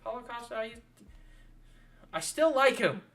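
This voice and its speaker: A man's voice: extremely high pitch, lively intonation, unhurried, a bit bright. A profane, ranting man's sports commentary. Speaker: channel host. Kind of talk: casual commentary vlog.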